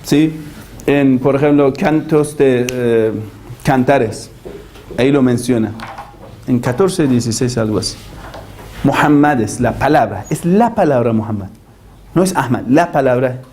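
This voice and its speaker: A man's voice: mid-range voice, a little slow, long pauses, a little mellow, slight background noise. A man teaching a religion class, arguing animatedly and asking rhetorical questions. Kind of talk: lecture.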